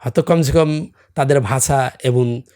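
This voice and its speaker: A man's voice: mid-range voice, unhurried, darkish tone. A middle-aged man with a non-native Bengali accent and Hindi as his first language, a podcast guest talking casually and earnestly, often pressing his point with rhetorical questions. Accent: non-native Bengali, from a Hindi-speaking camp community. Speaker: podcast guest, salon owner. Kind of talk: casual chat.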